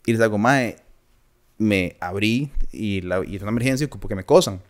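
A man's voice: lowish voice, a little fast. A young man with a Costa Rican accent, co-hosting a podcast and telling a long story in casual chat, acting out the voices he quotes. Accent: Costa Rican Spanish. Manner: animated anecdote-telling, acts out quoted voices, laughs often. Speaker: podcast co-host.

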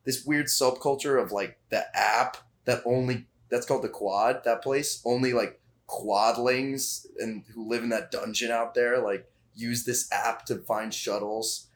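A young man in casual conversation with an old friend, speaking at an ordinary middle pitch. He is laid-back and joking, laughing easily as he tells stories. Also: steady tone, unhurried, hardly any pauses. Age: young adult. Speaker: college student guest. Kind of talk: casual chat.

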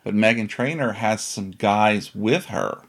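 A man's voice: lowish voice, measured pace, fairly bright tone. A man hosting a podcast in a casual, chatty style. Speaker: podcast host.

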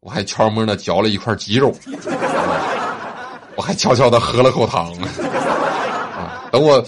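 A man telling short comic stories in an animated, laughing way. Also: on the low side, moderate pace, background noise. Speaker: comic storyteller. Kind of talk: comic monologue.

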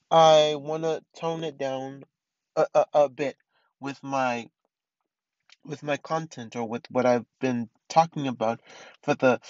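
A man in his twenties from East Los Angeles hosts a casual solo podcast, rambling with lots of fillers and restarts. His mid-range voice comes through a dry, dull-sounding recording.

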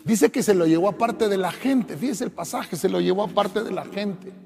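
A man's voice: high-pitched, normal speed, vocal fry, a little mellow, in a large hall, faint music behind. A man, a pastor from Honduras, preaching a sermon, swelling and dropping his voice and calling his listeners brother.

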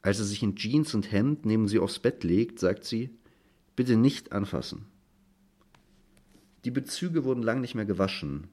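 A man reading his own literary short story aloud in a dry, measured way. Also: fairly low pitch, lively intonation, a little mellow. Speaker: author reading at a literary stage.

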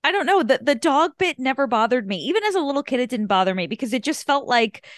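A young woman co-hosting a podcast in casual chat, easygoing and quick to laugh, often trailing off mid-thought. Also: high-pitched, very animated, no room sound, clean studio sound. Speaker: podcast co-host.

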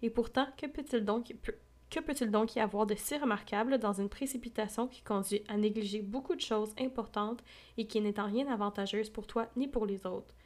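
A woman reading a cold, stiff young gentleman from a classic novel. She gives him a measured, reproachful delivery. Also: mid-range voice, natural voice.

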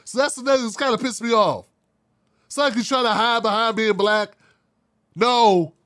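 Heated, blunt man ranting, high-pitched. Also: normal speed, a bit bright. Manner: blunt, heated, profane ranting with mocking put-on voices. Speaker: commentary show host. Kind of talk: casual opinion monologue.

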